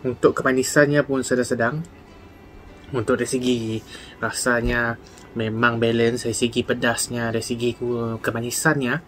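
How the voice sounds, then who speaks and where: A man from Sarawak with a Sarawak Malay accent, chewing while talking in a casual, halting food review. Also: medium pitch, flat delivery, fairly bright tone, faint music behind. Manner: halting, with many fillers.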